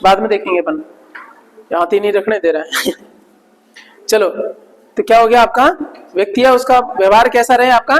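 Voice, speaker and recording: A man teaching English vocabulary to students preparing for job exams, drilling words slowly and often checking that they follow. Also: sits high, fairly even intonation, in a large hall, low-quality recording. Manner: keeps asking "ठीक है ना?" between explanations.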